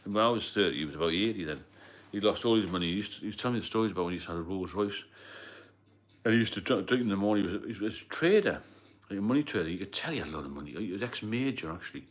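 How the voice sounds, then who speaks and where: Animated and racing, a man with a low voice hosts an easygoing livestream. His talk is plain and rambling, and he answers comments from viewers as they appear.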